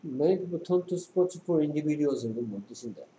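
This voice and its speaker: A male English teacher with a slow, dark, slightly high, animated voice coaxes his student through a tutoring lesson, reading and explaining English text and quizzing with short questions. The room is echoey, with faint background noise.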